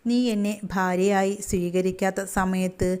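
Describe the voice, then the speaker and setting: A woman voicing a hurt, dignified young mother who speaks with calm, measured reproach. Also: mid-range voice, clean tone, close to an everyday voice. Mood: quiet reproach.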